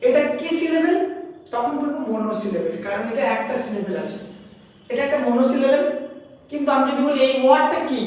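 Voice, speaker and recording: A woman teacher with a Bengali accent explains step by step, asks her students questions and sounds out words syllable by syllable. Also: high-pitched. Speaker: English grammar teacher. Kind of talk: classroom lesson. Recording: echoey hall, voice from a distance.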